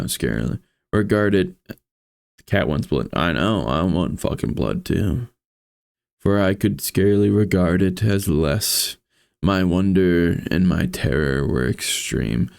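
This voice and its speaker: A man with a gravelly voice reads a horror story aloud as a streamer, with casual, foul-mouthed commentary. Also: low voice, a little mellow, no room sound, studio quality.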